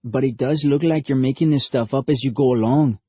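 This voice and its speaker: A husky-voiced man voicing a blunt, skeptical young man who talks in a casual, slangy way. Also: medium pitch, fairly quick, dry recording, voice pushed up, lightly acted. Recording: dull lo-fi audiobook recording.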